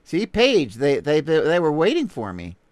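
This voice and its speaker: A man's voice: fairly high pitch, huge pitch swings, unhurried, a little mellow, dry recording. A man with a Texan accent hosting a casual livestream, rambling playfully and greeting viewers while he browses. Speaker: livestream host.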